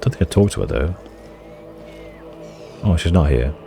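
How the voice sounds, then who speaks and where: A man playing a video game, reading its text aloud and rambling in self-mocking asides, his voice going hoarse. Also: rumbling low, very animated, moderate pace, mellow, faint music behind. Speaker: let's-play gamer.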